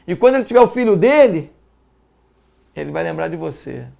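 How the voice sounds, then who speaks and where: A man's voice: fairly high pitch, very animated, fairly quick, creaky, darkish tone. A man with a Brazilian accent, a pastor giving an earnest broadcast sermon, emphatic and fatherly, repeating words for stress. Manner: fatherly exhortation.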